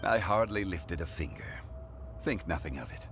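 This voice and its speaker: Calm courtly elder lord, deep and even, over game score. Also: male voice, normal speed. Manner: calm, dry, formal. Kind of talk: game cutscene voice acting. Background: game score music.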